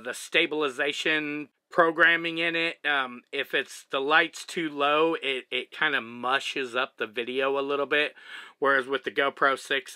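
With a fairly high pitch and no room sound, a man in his thirties with a Texan accent shows off his camera gear from inside his truck cab. This vlogger keeps it relaxed and chatty, explaining each step as he handles the equipment.

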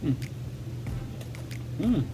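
A man's voice: drawn-out words, dark tone, muffled recording. Man humming through a full mouth. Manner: hesitant, filler-heavy. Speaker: food reviewer. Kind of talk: casual food review vlog.

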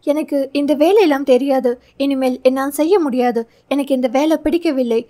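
Narrator lady as a heartsore young woman, pleading, high soft voice. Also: measured pace. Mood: upset. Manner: pleading, emotional. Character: young woman office worker, lovesick and hurt.

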